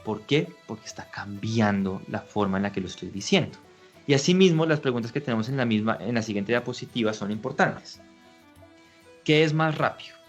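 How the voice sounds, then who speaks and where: A man's voice: lowish voice, animated. A man, an orchestra conductor, giving a lecture on music in an explanatory way, often asking his listeners rhetorical questions. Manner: acts out shouted and slowed example lines.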